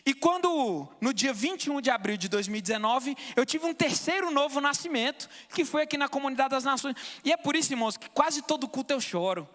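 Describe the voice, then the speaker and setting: A man's voice: very high-pitched, lively intonation, brisk, fairly bright tone, big-room sound. A man in his thirties from Brazil giving an emotional, fervent testimony in church, often calling out to the brothers. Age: 30s.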